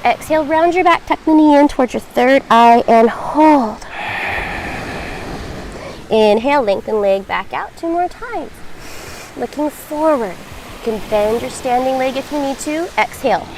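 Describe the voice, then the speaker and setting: Female yoga teacher, high voice, guiding a class with reassuring, measured instruction over light background noise. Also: lively intonation, a little mellow, rough recording. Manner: encouraging, reassuring, measured cueing.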